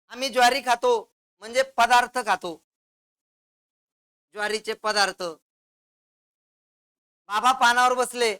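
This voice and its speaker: A male teacher works through a grammar lesson with a smooth, resonant voice. He explains each point step by step with examples, keeps tossing quick questions at the class, and supplies the answers himself. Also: extremely high pitch, sharp tone.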